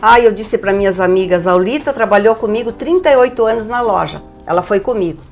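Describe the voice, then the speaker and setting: A woman's voice: medium pitch, quick pace, soft background music. An older woman from Brazil, telling her story with energy as a guest on a TV interview. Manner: lively, animated storyteller.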